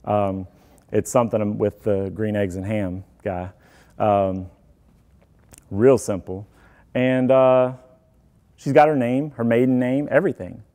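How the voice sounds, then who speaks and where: Male presenter, casual tech talk, warm mellow tone, easygoing and joking with the room. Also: on the low side, steady tone, slow pace, long pauses. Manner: chatty, self-deprecating, joking asides. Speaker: IT security presenter.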